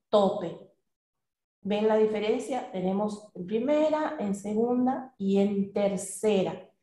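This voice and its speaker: A woman walks her students through examples in a recorded class, speaking slowly and asking whether they can follow. Her delivery is measured and steady, at a middle pitch. The recording carries the echo of the room. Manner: measured, asks the students questions. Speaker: teacher. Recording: echoey room.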